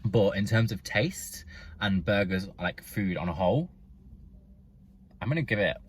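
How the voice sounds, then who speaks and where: Young vlogger, very low voice, chatty food review in a car, mouth often full. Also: male voice, animated, measured pace, slight background noise. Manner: chatty, talks with his mouth full while eating. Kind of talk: casual food review to camera. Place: inside a parked car.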